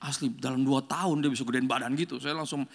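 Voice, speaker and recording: A man's voice: medium pitch, fairly even intonation, fast talker, gravelly. A male pastor preaching a sermon in a joking, slangy style and acting out quotes as he tells stories.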